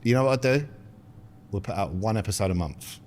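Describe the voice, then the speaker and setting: A man with a London accent and a deeper voice with some bass, trading dry quips in casual podcast banter. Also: expressive, fairly quick, darkish tone, slight background noise. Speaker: podcast co-host.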